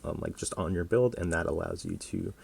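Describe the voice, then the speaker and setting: A man's voice: sits low, a little fast, gravelly, darkish tone, slightly rough. A man giving casual, rambling gameplay commentary with plenty of swearing and filler words. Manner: rambling and profane, many fillers. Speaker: gaming video host.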